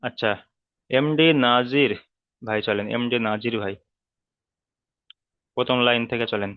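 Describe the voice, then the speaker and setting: A man's voice: medium pitch, measured pace, clean tone, dry recording. A male teacher giving an online reading lesson, patiently repeating rules and drilling letter sounds one by one. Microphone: video call. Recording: dull lo-fi online call audio.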